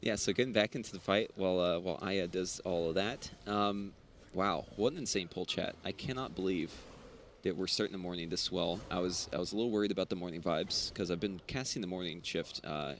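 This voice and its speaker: A man's voice: low voice, brisk, a little hiss or hum. A young man co-hosting a stream, giving casual live game commentary and explaining mechanics with lots of fillers and restarts. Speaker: stream co-host and caster.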